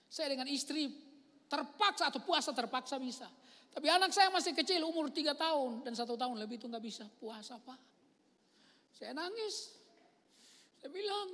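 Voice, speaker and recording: A male pastor preaching a lively storytelling sermon, swinging from loud outbursts to hushed near-whispers and acting out the voices he quotes. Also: very high-pitched. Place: church hall. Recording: long reverb of a large church hall.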